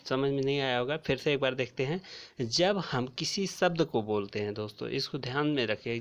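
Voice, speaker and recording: A man teaching a grammar lesson, speaking slowly and repeating key terms as he addresses his viewers as friends. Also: fairly high pitch. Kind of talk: classroom lecture explaining grammar. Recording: dull lo-fi recording.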